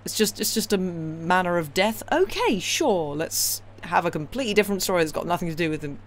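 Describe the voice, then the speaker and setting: Her voice sits on the low side and moves briskly as she chats ramblingly and casually with her live audience. She hosts a livestream reading classic novels aloud, sounds wry, opinionated and enthusiastic, and has clear, steady background noise behind her.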